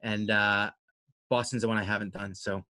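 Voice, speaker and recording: A man's voice: lowish voice, flat delivery, normal speed, sharp tone, no room sound. A man answering interview questions casually as a guest, in a rambling, self-deprecating way. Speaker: interview guest, amateur runner and race organizer.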